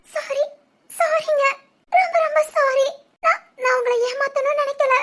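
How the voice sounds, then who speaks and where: A woman's voice: very high-pitched, steady tone, normal speed. A woman voicing a tearful young pregnant bride in a dubbed cartoon drama, stammering through sobbing apologies.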